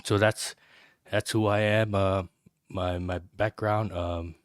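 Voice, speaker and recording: A man's voice: fairly low pitch, level tone, slow pace, smooth, dry recording, studio quality. A man from American Samoa in his thirties, a podcast cohost and veteran, talking in a plain, matter-of-fact way in a casual interview.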